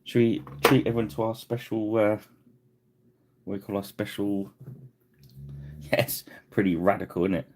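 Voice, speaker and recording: A man's voice: steady tone, normal speed, long pauses, noisy background. A man hosting a live miniature painting tutorial, chatting casually and laughing at himself as he works. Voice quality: deep gravelly voice. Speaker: miniature painting livestream host.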